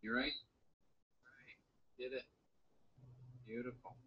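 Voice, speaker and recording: A man's voice: medium pitch, level tone, slow pace, husky. A man joining a video call, giving brief, easygoing replies, heard through the echo of a second device playing his call audio. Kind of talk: casual video call chat. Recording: muffled, distant call audio.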